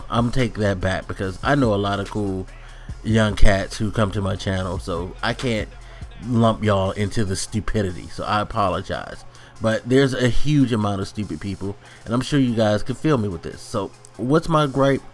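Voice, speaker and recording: Grumbling low-voiced man on a back-in-my-day rant. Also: moderate pace. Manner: grumbling, exasperated back-in-my-day griping, slangy. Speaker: online video ranter. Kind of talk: casual old-man rant to viewers. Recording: music playing under the voice. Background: background music.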